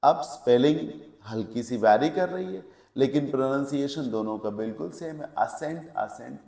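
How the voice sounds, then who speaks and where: A man's voice: mid-range voice, moderate pace, creaky, warm tone, echoey room. A male English teacher giving a lecture, explaining step by step and checking with questions, mixing English words into his Hindi. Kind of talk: classroom lecture.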